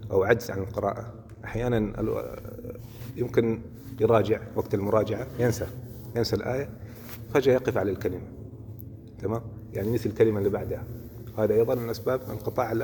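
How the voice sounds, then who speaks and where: A man's voice: on the low side, gravelly. A man teaching Quran recitation in a religious lesson, explaining step by step and often checking that listeners follow. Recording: hall reverb with faint noise.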